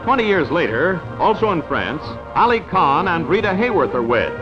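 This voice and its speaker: A man's voice in old newsreel style, pitched high and swooping lively through each line, with an emphatic announcer delivery. The dull, lo-fi archival sound sits under a loud music score. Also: normal speed. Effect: old newsreel narration. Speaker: newsreel narrator. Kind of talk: 1940s newsreel narration.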